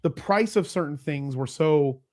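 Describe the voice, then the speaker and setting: A man's voice: fairly high pitch, animated, unhurried, darkish tone, dry recording, studio quality. A man hosting a podcast in a casual interview chat, rambling a little, laughing often and trailing off mid-thought. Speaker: podcast host.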